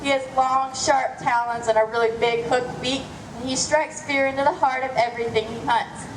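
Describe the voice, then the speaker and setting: High-voiced woman presenting in an echoey space. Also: fairly even intonation, moderate pace. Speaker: zoo show presenter and educator. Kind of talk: scripted live educational show. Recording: echoey, noisy live show ambience.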